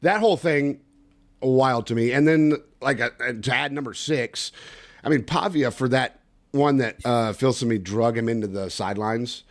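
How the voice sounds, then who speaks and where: A man hosting a casual sports podcast, animated and ranting with quick asides. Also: mid-range voice. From Texas. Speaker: podcast host.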